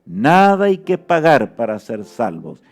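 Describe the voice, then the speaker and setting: A man's voice: mid-range voice, huge pitch swings, a little slow, darkish tone, faint music behind. A man preaching a sermon with fervor, often asking his listeners rhetorical questions.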